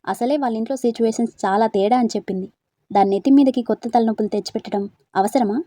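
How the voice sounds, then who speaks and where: Woman doing young girlfriends, nosy, teasing, eager questions, storybook, mellow tone. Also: a little high, racing, no echo, close to an everyday voice. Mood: curious, teasing. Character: chatty young women hostel friends, teasing and curious.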